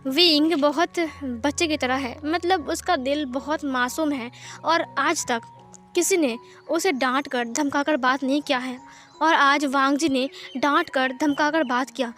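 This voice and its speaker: A woman's voice: sits high, unhurried, fairly bright tone, soft background music. Woman reading a fan story aloud. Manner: plain storytelling with many speech tags. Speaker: narrator.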